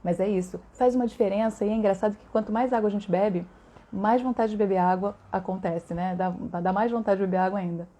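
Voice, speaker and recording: A woman's voice: medium pitch, fairly quick, dark tone. A middle-aged woman with a Brazilian accent, a voice therapist chatting on a live stream and answering viewers, talkative and full of tag questions. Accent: Brazilian Portuguese.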